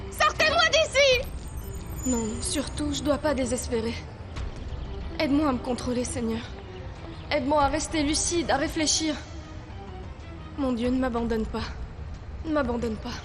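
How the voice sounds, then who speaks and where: An actress voicing a young heroine, polite on the phone and later trapped and desperately pleading, in dubbed telenovela acting. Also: female voice, sits high, moderate pace, pauses often, over music, lightly acted. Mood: praying. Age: young adult. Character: young woman, frightened captive heroine.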